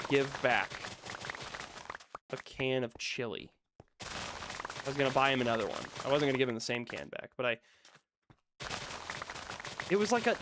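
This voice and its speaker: A man streaming a video game and chatting casually, telling a rambling story where he gets worked up and then talks himself calm. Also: medium pitch, background noise. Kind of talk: casual chat while playing a video game.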